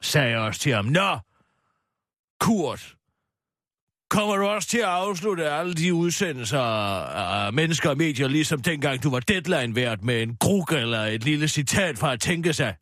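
A vain older woman TV host, fond of drink and easily slighted, as a man plays her in a radio comedy sketch. She rambles on in a petulant, indignant tone, her pitch swinging widely before dropping into a low grumble. The recording is close and dry. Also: expressive, fairly bright tone, dry recording. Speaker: radio show regular.

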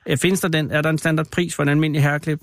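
Level in tone and on the high side, a man's voice comes through with no echo from a radio studio. He's the host, casually interviewing a caller with hesitant questions and teasing asides.

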